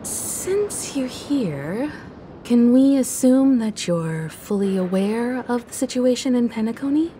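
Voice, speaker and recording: A woman's voice: a little high, expressive, takes it slowly, mellow, a little hiss or hum. An actress voicing a polite, composed woman leading a crew in a video game.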